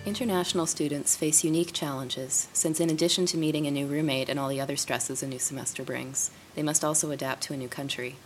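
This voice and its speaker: A woman reads a student news report in a scripted voice-over. Her voice is notably low. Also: fairly even intonation, quick pace, hardly any pauses, music in the background.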